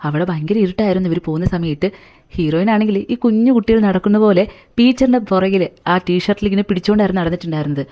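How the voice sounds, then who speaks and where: A woman's voice: lowish voice, racing, lo-fi sound. A woman retelling a film's story in a chatty, colloquial way, as a movie recap narrator.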